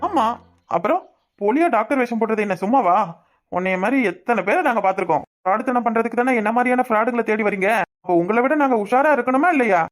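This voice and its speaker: A woman plays a cocky young male blackmailer in a cartoon, taunting and menacing in a Kanyakumari Tamil accent. The voice sits fairly high and the words tumble out fast. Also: lively intonation, soft background music, natural voice. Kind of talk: cartoon voice acting.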